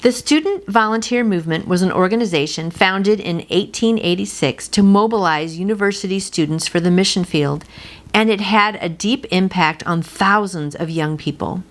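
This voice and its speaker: A middle-aged woman hosts a devotional, first reading and then encouraging the listener in an earnest, personal, informal way. Her voice is medium-pitched at a normal speed.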